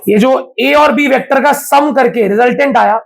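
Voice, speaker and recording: A man's voice: very high voice, moderate pace, creaky. A man teaching a physics class live to students, talking casually and often throwing questions at the class. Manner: chatty, keeps quizzing the class.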